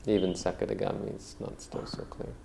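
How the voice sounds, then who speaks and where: A man teaching meditation, answering questions in a calm, measured way, often saying "you know". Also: slight background noise. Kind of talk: answering questions in a dharma talk.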